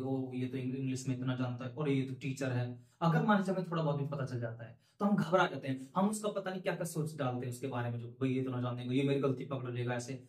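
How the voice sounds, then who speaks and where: A man with a slightly high, somewhat mellow voice teaches spoken English, giving learners an earnest and encouraging talk. He repeats his points with rising emphasis, and the room sounds echoey.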